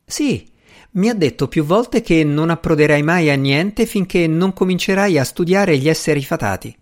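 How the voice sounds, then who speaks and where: A man putting on a gentle, lively young lady. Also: a little high, normal speed, voice pushed up, close to an everyday voice. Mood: playful. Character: young woman, gentle and good-natured.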